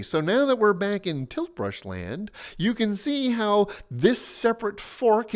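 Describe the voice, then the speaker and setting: A man teaching a software tutorial, his voice sitting a bit high and bouncing around in pitch. He explains each step patiently and in order. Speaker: tutorial host.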